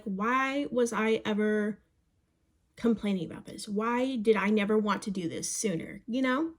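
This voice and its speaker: A young woman of about twenty talks to her phone camera, handing out chatty, encouraging advice and calling her viewers "babes" and "you guys." Her voice is fairly high-pitched with a darkish tone.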